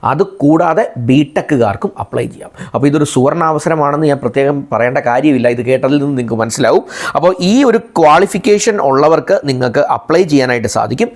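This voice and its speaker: A man from India, whose English carries a Malayalam accent, hosts an informational explainer for viewers on his video channel. His voice is fairly high, expressive and fairly quick, and he repeats and rephrases key points.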